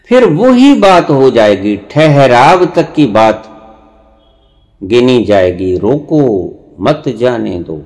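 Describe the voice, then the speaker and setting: Male spiritual teacher, slow sermon delivery, lively rising and falling pitch, stern lecturing tone. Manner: slow, deliberate, with long pauses and sudden emphatic rises; rebuking, lecturing the listeners directly. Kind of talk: spiritual discourse.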